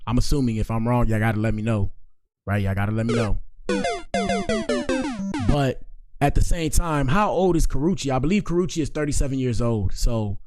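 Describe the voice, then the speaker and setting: A man in his late twenties, casually chatting and giving shout-outs to viewers as a livestream host. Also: medium pitch, normal speed, pauses often, faint music behind. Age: 20s.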